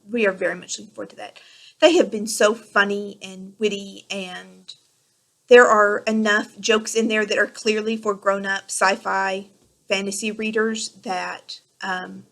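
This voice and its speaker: Chatty thirtysomething woman rambling on her podcast, voice a bit on the high side. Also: fairly bright tone. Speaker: podcast host. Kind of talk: casual solo podcast chat.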